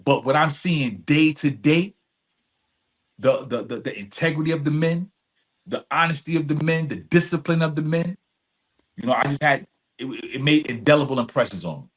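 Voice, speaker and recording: At a moderate pace and with a voice on the high side, this man tells candid personal stories on a podcast. His delivery is emphatic, peppered with street slang and recurring phrases, as the long-form chat unfolds.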